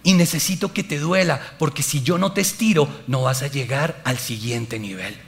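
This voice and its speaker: A man voicing God as a calm, gentle male voice speaking softly in a sermon story. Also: normal speed, creaky, slight background noise. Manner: soft, low, coaxing.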